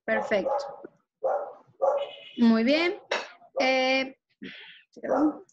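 Woman teacher, patient, explains with examples, higher voice, muffled video-call sound. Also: expressive, extremely slow, a crowd in the background. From Ecuador. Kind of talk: online class lesson.

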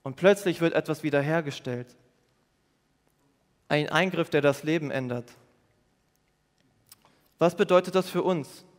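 A man preaches to a youth congregation in a church hall. His voice sits a little high, earnest and patient as he explains and repeats his points. A long reverb trails after each phrase. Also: measured pace, pauses often. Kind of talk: sermon.

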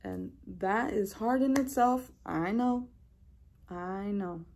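A woman vlogger giving gentle, reassuring, heartfelt encouragement straight to her viewers. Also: medium pitch, takes it slowly, a little hiss or hum. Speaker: self-help vlogger. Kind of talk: encouraging talk to camera.

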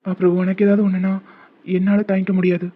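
A man voicing a devoted, protective young man in a cartoon, talking earnestly and gently comforting. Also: high voice, monotone, quick pace. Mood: tender. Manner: earnest, soft-spoken comforting. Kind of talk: cartoon voice acting. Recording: tinny phone-like sound.

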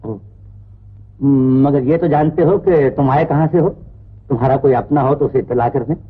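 Warm-hearted joker; chuckling, teasing, tinny vintage film audio. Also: male voice, on the high side, normal speed, breathy edge. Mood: jovial. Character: cheerful hearty man, jokey and kind. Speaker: jovial rescuer. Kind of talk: 1950s film acting. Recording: tinny old film soundtrack with faint hiss.

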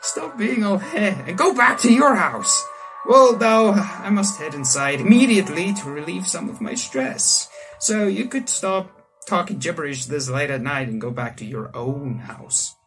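Reading a visual novel aloud, this young South African let's player rambles casually and tosses in jokes from a small room indoors. His high-pitched voice has lively intonation and a slightly bright edge, and he goes a little slowly. Faint music plays behind him, and the audio quality is poor.

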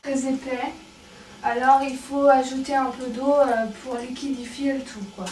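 High-voiced woman, joking chef. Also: normal speed, reverberant, recorded from a distance, a little hiss or hum, low-quality recording. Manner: playful, mixes English and casual French, deadpan mock-serious. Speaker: mock cooking-show chef. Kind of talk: joking improvised cooking show.

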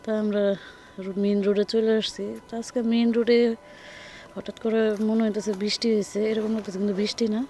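A hoarse young woman chats unhurriedly while she narrates her cooking vlog. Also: mid-range voice, level tone, mellow. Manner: chatty, unhurried, talks while she works. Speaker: cooking vlogger. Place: home kitchen at the stove, earlier out on the street. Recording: noisy with frying sizzle.

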